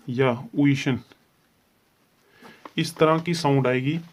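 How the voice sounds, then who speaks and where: Man, shorthand teacher, patient, repetitive, drawn-out sounds, mid-pitched voice. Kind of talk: classroom-style lesson explaining at a board.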